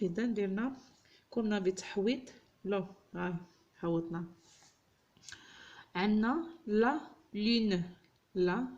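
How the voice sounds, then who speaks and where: Female teacher, patient, spells out syllables one by one in a mid-pitched voice. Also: a little mellow, muffled recording. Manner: sounds out French syllables slowly and clearly. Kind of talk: tutorial lesson.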